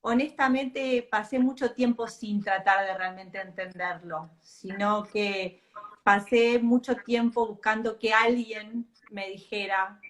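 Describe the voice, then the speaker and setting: A woman's voice: medium pitch, fairly even intonation, takes it slowly, a bit bright. Reflective Argentine woman on a video call. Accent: Argentine Spanish. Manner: reflective, hesitant, many restarts. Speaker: guest author and mother. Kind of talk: live-stream interview.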